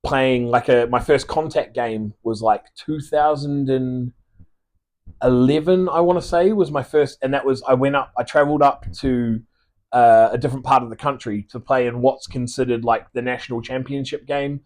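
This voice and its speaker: Steady in tone and a little mellow, this medium-pitched man talks at a moderate pace. An Australian in his thirties with a mixed Australian and New Zealand accent, he rambles casually as a podcast guest, full of restarts and swearing.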